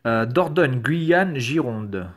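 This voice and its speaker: In this laid-back screen-recorded commentary, a male YouTuber works through quiz questions, reading each one out and answering it. He speaks slowly in a mid-range, fairly bright voice that stays animated, with a sarcastic, hesitant edge and the occasional swear word.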